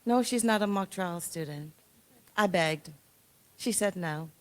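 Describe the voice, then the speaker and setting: A woman's voice: fairly low pitch, measured pace. A middle-aged woman, a graduate's mother, introducing speakers at a graduation ceremony with playful, joking asides.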